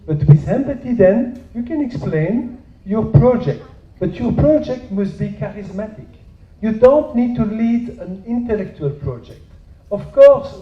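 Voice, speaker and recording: A man's voice: high voice, warm tone, a little hiss or hum. A man speaking as an expert panelist, stressing and repeating his key points. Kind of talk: panel discussion. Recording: echoey room, dull lo-fi sound.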